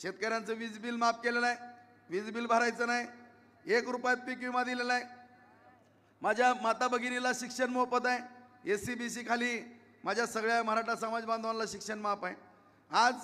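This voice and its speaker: A man's voice: very high-pitched, bright, forceful tone, big-room sound. A man giving an emphatic campaign rally speech as an election candidate, repeating himself and pleading with the crowd. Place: outdoor public rally.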